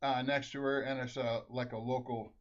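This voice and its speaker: A middle-aged man from Minnesota, speaking at normal speed in a medium-pitched voice with a level tone, relates a rambling family anecdote. He laughs often and restarts his sentences, and the lo-fi recording is dull.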